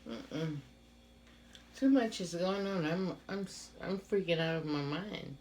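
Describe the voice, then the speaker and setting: A woman hosting a mukbang eating show, murmuring and humming slowly between bites in casual commentary. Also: fairly low pitch, darkish tone, a little hiss or hum.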